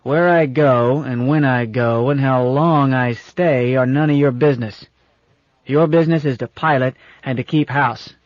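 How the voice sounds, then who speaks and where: A gruff old captain, as a male narrator plays him, commanding and folksy and fond underneath. He speaks a little louder than the narration, in a dry space. The recording is dull and lo-fi. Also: mid-range voice, fairly even intonation, a little slow, no echo, lightly acted. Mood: stern, folksy.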